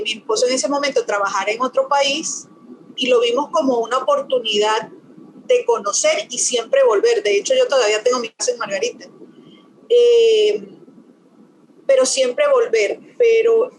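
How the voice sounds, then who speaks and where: A woman's voice: sits high, a little hiss or hum, poor audio. A Venezuelan woman, a panel guest, talking casually over a video call.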